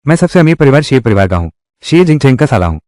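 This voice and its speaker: A man's voice: mid-range voice, very animated, fast, a little mellow, dry recording, clean studio sound, natural voice. An actor dubbing an arrogant, spoiled rich young man who boasts and threatens in a drama dub. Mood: boastful.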